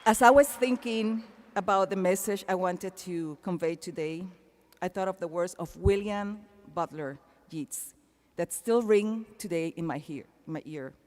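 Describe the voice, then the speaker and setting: Measured in pace, with a lowish voice and darkish tone, a Panamanian-accented woman gives a personal commencement speech. It is amplified inside a large indoor arena and carries a long arena echo.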